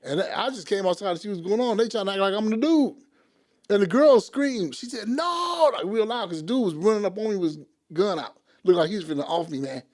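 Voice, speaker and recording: A man's voice: sits high, fast. A man telling stories in casual podcast chat, acting out the people he quotes. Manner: animated, acts out quoted people.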